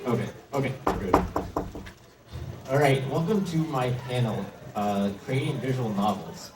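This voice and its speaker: A medium-pitched, expressive male voice at a measured pace belongs to an indie game developer presenting slides to a convention panel audience. He's informal and somewhat hesitant. The indoor panel room recording is echoey and heavily noisy, picked up from a distant mic.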